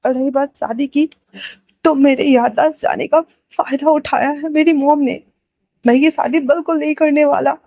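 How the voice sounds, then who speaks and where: A woman's voice: high-pitched, fairly even intonation, moderate pace, mellow, no room sound, highs cut off. A woman voicing a devoted, remorseful young man who speaks earnestly in an emotional storybook reading. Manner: earnest, heartfelt.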